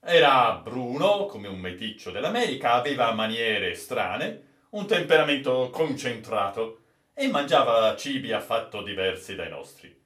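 A man reading a classic adventure story aloud as narrator, with measured storytelling delivery, in a roomy, echoey space. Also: mid-range voice, very animated, a bit bright. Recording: roomy echo.

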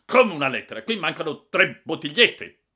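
A man's voice: a little high, very animated, normal speed, pitched above the performer's own voice. Man doing a sputtering, furious old salesman. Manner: shouting, sputtering outbursts. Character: flustered irate older male salesman.

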